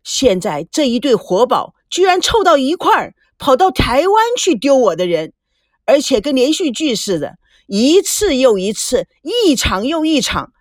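A woman's voice: sits high, sing-song, unhurried, dry recording, heavily acted. A woman voicing a furious middle-aged rich husband and father who bellows bitter complaints, in a dry close recording. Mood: bitter rage.

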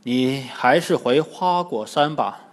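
A stern storybook monk master , as a man puts him on, measured and unhurried. The voice moves through a lively pitch range and sits in a long reverberant hall. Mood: resigned. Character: stern, gentle-hearted male monk master.

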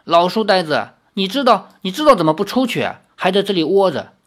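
A reader voicing a boastful, sulky demon king in an audiobook reading, with huffy, quick retorts. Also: mid-range voice, very animated. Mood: grumbling.

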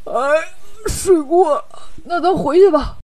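A greedy, lazy pig-monk, as a woman storyteller puts him on, boisterous and cheeky, always thinking of food. His voice is pushed lower than the narration, though it still sits high. The sound is dry and close. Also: lively intonation, moderate pace, a little mellow, dry recording.

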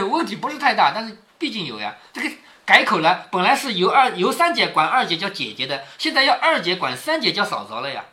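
A man's voice: high voice, sing-song, brisk, pushed and bright. A man reading a classic novel aloud to his daughter, stopping often to explain it in a chatty way with frequent tag questions.

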